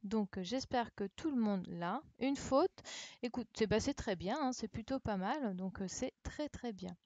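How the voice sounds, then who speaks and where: A woman's voice: on the high side, lively intonation, unhurried, a little mellow, dry recording, lo-fi sound. A woman teaching a primary class over a live stream, patient and encouraging, repeating each answer for the children. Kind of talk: online class correction, speaking slowly to children. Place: home, remote livestream. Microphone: computer mic on a live stream.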